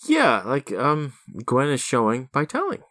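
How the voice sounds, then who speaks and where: A middle-aged man co-hosting a podcast, chatting casually about a film with wry chuckles and halting restarts. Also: medium pitch, wildly swooping pitch, bright, forceful tone, no room sound, studio quality. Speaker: podcast co-host.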